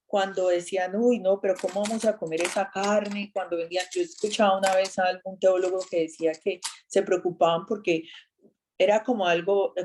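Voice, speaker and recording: A woman gives a casual faith talk in a chatty, animated way. She tells a personal story with lively exclamations, and her voice sits at an ordinary, middle pitch for a woman. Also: a little hiss or hum. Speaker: speaker giving a faith talk.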